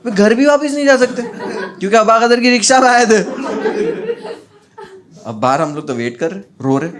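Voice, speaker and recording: A man doing stand-up, telling a childhood story in an animated way and acting out his friends' voices. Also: sits high. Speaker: stand-up comedian.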